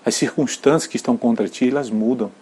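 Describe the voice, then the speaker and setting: Husky Brazilian male pastor, earnest sermon delivery, whisper-soft to loudly emphatic. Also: mid-range voice, fast talker. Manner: earnest testimony, drops to near whispers, climbs to loud emphatic peaks.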